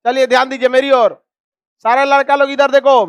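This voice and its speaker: A man teaching a classroom map lesson, scolding students and drilling them with quick repeated questions. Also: extremely high pitch, level tone, clear, resonant tone, no echo, clean studio sound. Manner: scolding, calls students donkeys.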